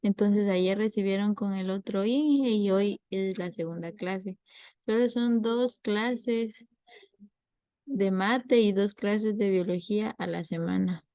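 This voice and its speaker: A woman's voice: medium pitch, slow, warm tone, dry recording. A young woman, tutoring a class and patiently explaining step by step with examples.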